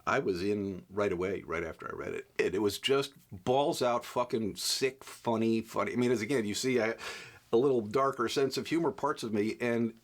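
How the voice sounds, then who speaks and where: A man's voice: lowish voice, normal speed. A man being interviewed as an actor, telling a profane anecdote animatedly and acting out the other people's voices.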